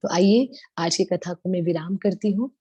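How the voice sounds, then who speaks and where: A woman's voice: on the low side, moderate pace, breathy edge, dry recording. A woman giving a devotional talk, telling stories tenderly and mixing English words into her speech. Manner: tender, animated storytelling with Hindi-English mixing. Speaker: devotional speaker.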